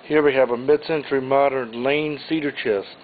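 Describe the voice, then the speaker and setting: A medium-pitched man with a steady tone goes through auction items one at a time, plain and unhurried, in an informal walkthrough. The audio is tinny and phone-like, with a faint hiss.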